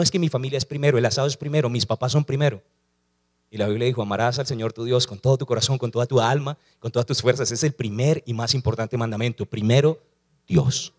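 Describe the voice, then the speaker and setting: Pastor guy preaching, keeps asking the church questions and has them say lines back. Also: mid-range voice. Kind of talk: sermon.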